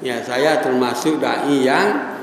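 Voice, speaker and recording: A man's voice: mid-range voice, expressive, slow. An older man giving a Ramadan sermon in a mosque, chanting Arabic verses and joking with the congregation. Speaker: preacher. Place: large mosque hall. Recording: echoey mosque hall, faint ambience.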